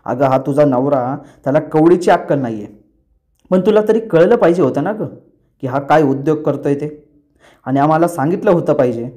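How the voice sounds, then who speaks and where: A man's voice: a little high, animated, moderate pace, mellow, close to an everyday voice. A man voicing a stern father from a TV serial, scolding his son harshly. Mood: angry.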